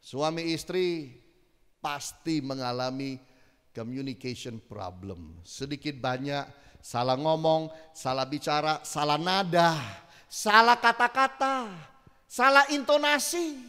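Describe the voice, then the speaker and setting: A middle-aged male pastor preaching a sermon in an animated, conversational way, acting out little exchanges. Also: fairly high pitch, slow pace, clear, resonant tone. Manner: animated, conversational, acts out quotes. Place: church hall. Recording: long church hall reverb.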